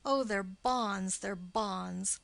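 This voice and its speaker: A woman's voice: medium pitch, drawn-out words, vocal fry, a bit bright, no room sound, heavily acted. A woman voicing a witty, mocking young male nobleman in an audiobook play reading, with teasing, theatrical wordplay.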